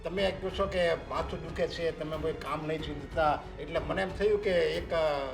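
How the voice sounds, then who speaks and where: A man's voice: fairly high pitch, steady tone, moderate pace, gravelly, music in the background. An actor playing a pushy, meddling middle-aged father-in-law who talks in an insistent, defensive way. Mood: coaxing. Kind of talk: short film acting.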